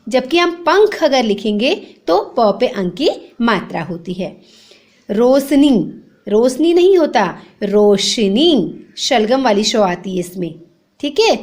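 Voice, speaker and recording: A woman teacher giving a grammar lesson to young children, spelling words out slowly letter by letter and asking the class for the right form. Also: high-pitched. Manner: repeats the wrong form then the right one, quizzing the class. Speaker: primary school teacher.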